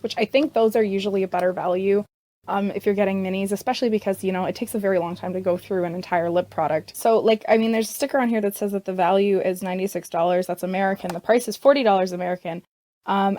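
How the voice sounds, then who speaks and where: A young Canadian beauty vlogger chats casually to camera, rambling and using plenty of fillers. Her medium-pitched voice is a little mellow but hoarse and scratchy from vocal strain.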